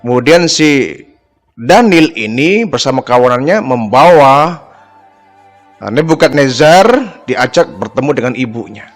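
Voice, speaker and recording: A man's voice: medium pitch, expressive, unhurried, pauses often, soft background music. A man narrating a religious story in a casual, chatty way, dropping in little fillers. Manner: casual asides with spoken fillers.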